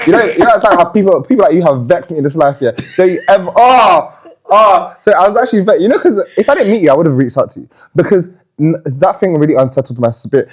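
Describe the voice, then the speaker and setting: Outspoken, profane podcast host. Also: female voice, on the low side, expressive, fast talker, muffled recording. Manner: outspoken, profane, laughs often. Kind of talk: casual podcast chat.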